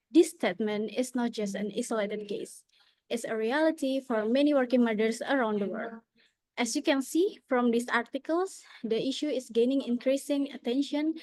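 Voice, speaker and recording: A young woman with an Indonesian accent gives an earnest conference presentation over a video call, often opening with "okay." Her voice is slightly high and a little mellow, and the recording is dry.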